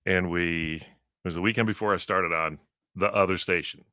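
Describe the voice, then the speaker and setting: Deep bright-voiced radio host. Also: male voice, steady tone, moderate pace, no echo, clean studio sound. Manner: chatty storyteller, laughs often. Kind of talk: casual morning radio banter.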